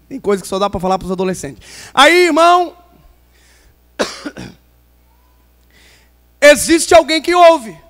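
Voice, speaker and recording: Male preacher, very high pitch, humorous storyteller, long hall reverb. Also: animated, slow, long pauses. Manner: playful, swings from loud emphasis to quiet asides. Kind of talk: pentecostal sermon with humorous stories. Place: large church hall.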